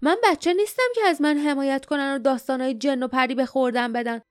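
A woman voicing a defiant young man, angry and hurt, shouting in a high, sharp voice. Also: dry recording, studio quality, close to an everyday voice.

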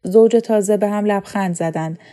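Woman narrator, calm measured novel reading, mellow warm tone. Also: medium pitch. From Iran. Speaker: audiobook reader.

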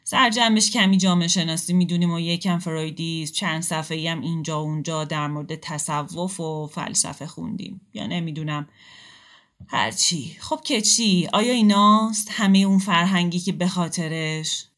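A calm intellectual man in a storybook reading reasons gently and tries to make peace, as a woman narrator reads him. The voice stays close to the reader's own, slightly low and unhurried. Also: lightly acted. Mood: reflective.

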